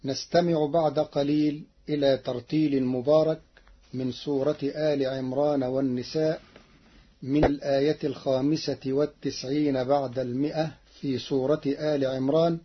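A man teaching Quran recitation in a formal, measured way, explaining each reading with precision and intoning the verses he quotes. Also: medium pitch, level tone, husky. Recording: muffled lo-fi recording.

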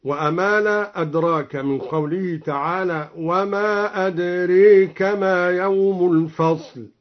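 A man explaining the variant readings of Quranic verses, chanting each example slowly after his explanation. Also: high-pitched, fairly even intonation. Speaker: Quran recitation teacher. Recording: dull lo-fi broadcast recording.

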